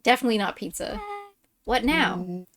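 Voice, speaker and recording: A woman's voice: mid-range voice, lively intonation, normal speed, a bit bright. A woman voicing defiant, anxious kids from a heist crew in a story game. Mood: tense. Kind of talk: voiced reading of story game dialogue.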